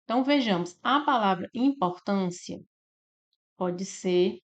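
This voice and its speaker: A woman with a Brazilian Portuguese accent teaching a grammar lesson for exam prep. She explains step by step, slowly drawing out syllables and checking in with "né?" and "tá?". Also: medium pitch. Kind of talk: slide-based grammar lesson.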